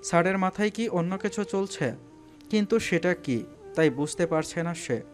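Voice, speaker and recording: A man whose voice sits slightly high tells a scripted story as dramatic storytelling, with faint music in the background. His intonation is lively and his speed is normal.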